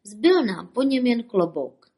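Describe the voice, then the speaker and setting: A woman's voice: fairly high pitch, sing-song, warm tone, breathy edge, pitched above the performer's own voice, exaggerated voice. A woman doing the bold rabbit Bob, calling out. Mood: urgent. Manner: calls out urgently. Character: male cartoon rabbit Bob, bold quick leader.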